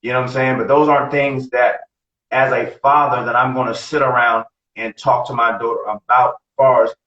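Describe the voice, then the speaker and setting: A man's voice: mid-range voice, steady tone, a little fast, fairly bright tone. A man in his late forties talking bluntly and profanely on a casual podcast, often repeating himself. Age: 40s. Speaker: podcast co-host. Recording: roomy, distant, dull lo-fi sound.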